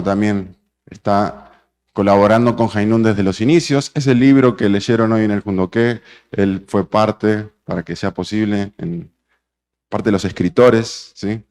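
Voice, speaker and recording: A man's voice: lowish voice, darkish tone, clean tone. A man hosting a seminar, speaking informally to an audience as he introduces a guest speaker.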